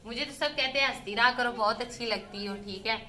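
Speaking briskly in a high, bright, forceful voice, a woman from Pakistan rambles to viewers in a casual phone vlog at home, moving indoors and outdoors. She chats in one breath and says "theek hai" constantly. The room is echoey, with faint ambience in the background.

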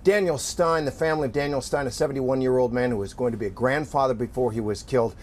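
A middle-aged man reporting live outdoors at night as a news correspondent, in an earnest, measured way. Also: medium pitch, darkish tone, a little hiss or hum.

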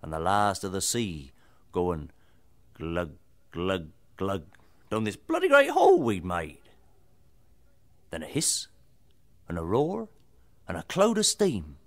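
A man's voice: wildly swooping pitch, measured pace, long pauses. Guy reciting a funny yarn, rustic delivery, voice swoops up and down a lot. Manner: broad rustic delivery with sweeping swings in pitch. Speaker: folk storyteller. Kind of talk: comic dialect recitation.

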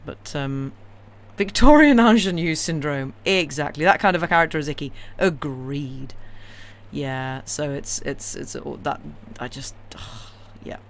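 A woman who hosts a livestream reading classic novels aloud chats casually and ramblingly with her live audience, coming across as wry, opinionated and enthusiastic. Her voice is low-pitched and measured, with clear, steady background noise in the recording.

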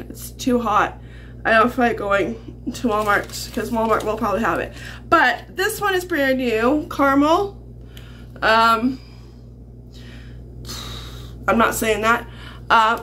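A middle-aged Canadian woman chats casually to camera in a grocery haul vlog, rambling and chuckling often. Her voice is high-pitched and a bit bright. The setting is a small indoor home kitchen, captured with noisy camera audio.

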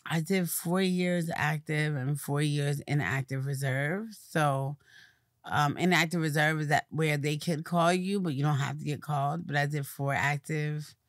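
A woman's voice: low voice, a little slow, no echo, studio quality. Woman with a light lisp, casual. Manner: relaxed, conversational, fillers like "you know". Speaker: guest, publicist. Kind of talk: casual interview conversation.

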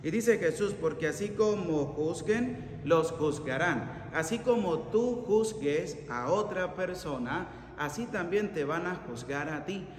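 A middle-aged priest preaching with earnest emphasis, his voice rising on the warnings. It sits a little higher than most men's and rings through a church with long reverb. A faint ambience hangs underneath. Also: lively intonation, unhurried, hardly any pauses, a little hiss or hum. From Venezuela. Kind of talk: sermon. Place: church chapel by an ornate altar. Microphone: fixed camera at mid distance.

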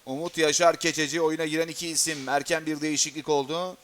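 A man giving excited live play-by-play football commentary, rising to shouts and screams at goals and chances. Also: fairly high pitch, fast talker.

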